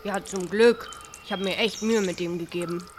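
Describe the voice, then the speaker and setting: A woman's voice: mid-range voice, fairly even intonation, moderate pace, lightly acted. A woman voicing a cheerful little village boy who talks in a playful, eager way. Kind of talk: audio drama acting. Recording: noisy background.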